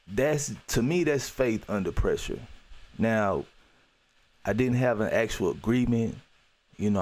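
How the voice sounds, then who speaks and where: A man's voice: lowish voice, vocal fry, darkish tone. A man hosting a podcast, telling a personal story in an earnest, reflective way. He talks loosely with fillers and restarts and repeats key phrases for emphasis. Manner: loose, with many "you know" fillers and restarts. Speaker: podcast host.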